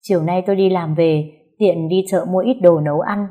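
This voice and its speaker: A woman narrating a first-person family story in a calm, heartfelt way. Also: fairly low pitch, moderate pace.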